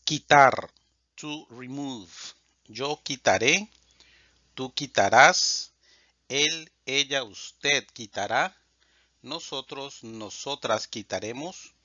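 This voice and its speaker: A man teaching Spanish, reading verb conjugations aloud in a measured, drilled way. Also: medium pitch, bright, forceful tone, dry recording. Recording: dull lo-fi dry sound.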